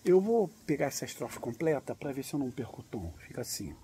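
A man from Brazil teaching English in a relaxed, patient way, with guitar and snatches of singing. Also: medium pitch, fast talker. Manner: explains patiently, sings lyric lines to guitar. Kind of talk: casual English lesson.

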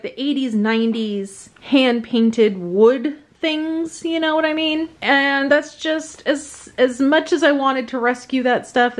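A woman casually showing off her vintage finds at a table at home, chatty and gushing, often trailing off and restarting. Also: mid-range voice. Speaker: vintage reseller vlogger. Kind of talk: casual show-and-tell haul narration.

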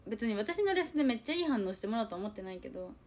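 Talking very fast in a slightly high voice, with a little background noise, a young woman from an idol group chats on a livestream. She goes through viewer comments and shares self-deprecating confidences, full of animation as she plays out small quoted exchanges in different voices.

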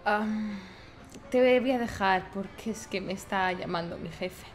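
A woman with an accent from Spain improvising casual role-play in an online game, blunt and quick to swear. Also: mid-range voice, soft background music.

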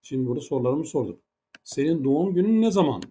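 Fast-talking and expressive, this man has a warm, fairly high-pitched voice and a Turkish accent in English. Teaching English grammar in Turkish, he walks through points patiently one step at a time and asks plenty of rhetorical questions.

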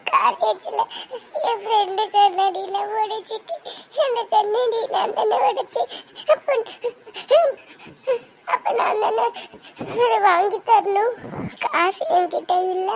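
A woman's voice: extremely high pitch, normal speed, creaky, long pauses, crowd noise. A woman voicing a tearful young college girl who sobs and pleads with her older brother. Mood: sobbing. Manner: sobbing, pleading. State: crying. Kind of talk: cartoon voice acting.

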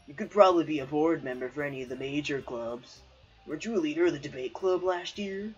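A man's voice: on the high side, fast talker, soft background music, close to an everyday voice. A man voicing a shy teenage schoolboy who is new to a club, reading his lines with some hesitation. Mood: awkward. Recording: dull lo-fi recording.

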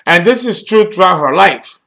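A man's voice: sits high, animated, moderate pace, gravelly, a bit bright. A man hosting a video lecture as an astrology teacher, playful and theatrical, breaking off into jokes and laughter. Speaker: astrology teacher and channel host.

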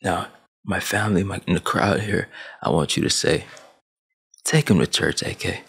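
A Sudanese vlogger in his twenties, raised in Saudi Arabia, rants to camera in a preachy big-brother tone, emphatic and gesturing with his hands. His voice is low-pitched, creaky, a bit bright and slightly rough at normal speed, picked up by a headset boom mic in a small, dim room at home with a gaming chair behind him.

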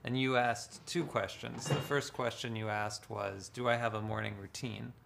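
A man speaking as a guest author, talking slowly and deliberately in a live social-media conversation. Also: mid-range voice, fairly even intonation, creaky, a bit bright. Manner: slow, deliberate and measured.

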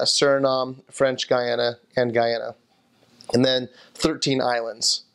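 A man in his thirties answers an interview question while seated in an armchair indoors. His gravelly voice stays flat and even, and he rambles through restarts and small fillers as he remembers. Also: mid-range voice. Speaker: returned missionary interviewee.

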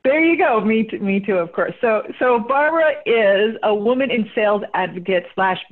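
A woman's voice: medium pitch, animated, normal speed. Bubbly woman host on a tinny call. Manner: bubbly, chatty, laughs often, many fillers. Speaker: host and company CEO. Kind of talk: casual live webinar chat. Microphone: video call. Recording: tinny phone-like line.

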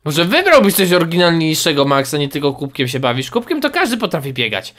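A man hosting a relaxed multiplayer game session, chatting and ribbing his friends with frequent laughs. His voice is bright and clear, and his pitch swings widely as he jokes around. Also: fast. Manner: teasing, laughs often. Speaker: let's play host. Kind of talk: casual gaming chat.

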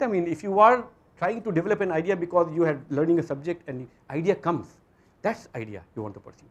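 Indian guy giving a lecture to students, highish husky voice, really up and down, emphatic. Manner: emphatic, repeats phrases, asks rhetorical questions. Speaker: physics lecturer. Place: auditorium stage.

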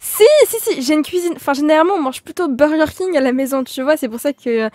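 A woman's voice: sits high, fast, darkish tone, dry recording, clean studio sound, natural voice. A woman playing an exasperated, easily panicked young mother in a video game role-play film, scolding and repeating herself when flustered. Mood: annoyed.

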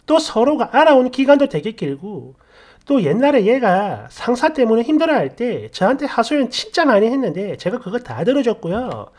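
Indignant woman telling a story, lively pitch. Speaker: narrator of a reader's story. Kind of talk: first-person story narration.

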